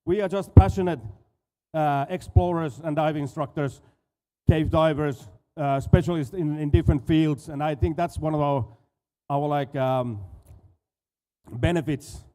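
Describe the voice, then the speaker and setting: The speaker, a Finnish dive school owner in his forties, gives an easygoing expo stage talk as a conference presenter, his accent clearly Finnish. With a fairly high, mellow, steady voice at a measured pace, he often falters and repeats words.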